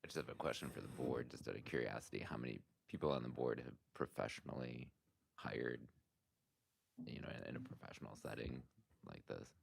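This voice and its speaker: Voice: very deep voice, brisk, vocal fry, husky. A school board member from Minneapolis speaking up casually at a public meeting.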